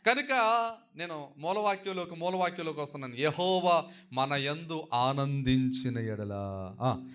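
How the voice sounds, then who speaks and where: A man pastor delivering a lively sermon, pressing the congregation to answer him back. His voice swings from soft, low asides up to loud, high, ringing declarations, and he repeats phrases for emphasis. He sometimes acts out the everyday prayers of ordinary people. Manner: exhorting, calls for replies from the congregation.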